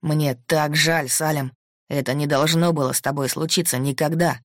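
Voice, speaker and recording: A woman voicing a tender, grieving young man in an audiobook, dropping her voice low for him. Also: steady tone, normal speed, no echo, clean studio sound, natural voice. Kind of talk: audiobook character voice.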